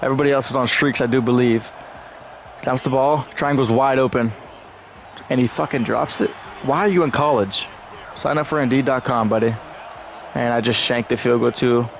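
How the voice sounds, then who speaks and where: A young man commenting on his own football game session, talking in an ordinary mid-range voice. He swears freely and jumps from flat play-by-play to loud, high-pitched outbursts when a play goes wrong. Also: normal speed, slight background noise. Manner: frustrated, profane, swings into shouting. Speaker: gaming YouTuber. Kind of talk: gameplay commentary.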